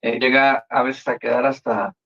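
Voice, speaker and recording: A man's voice: medium pitch, flat delivery, normal speed, creaky, a bit bright. A man speaking as a guest in a live-stream discussion, hesitant and repeating words as he thinks, over a video call. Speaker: panel guest. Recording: dull lo-fi video call audio.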